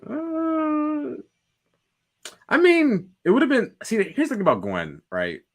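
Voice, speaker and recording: A man co-hosting a podcast in casual chat, animated and laughing often, with lots of filler words. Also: very high-pitched, slow pace. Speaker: podcast co-host.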